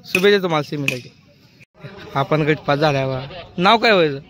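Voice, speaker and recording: A man working as a field reporter, firing off brisk, repetitive questions at a bullock cart race and echoing back the answers. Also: a little high, background noise. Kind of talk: quick roadside interviews.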